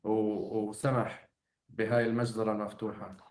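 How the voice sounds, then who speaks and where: A man's voice: fairly low pitch, flat delivery, normal speed. A man with a Levantine Arabic accent in earnest conversation, repeating phrases for emphasis. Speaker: activist leading the conversation. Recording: roomy, echoing sound.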